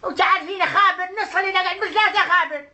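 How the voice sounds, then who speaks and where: An old Iraqi woman, extremely high in pitch and talking fast, begging and coaxing in a comic prank call. The amateur recording is clearly noisy. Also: fairly even intonation. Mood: wheedling. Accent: Iraqi Arabic. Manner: pleading, coaxing with endearments. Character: wheedling old Iraqi mother, pleading for phone credit. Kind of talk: prank phone call impersonation.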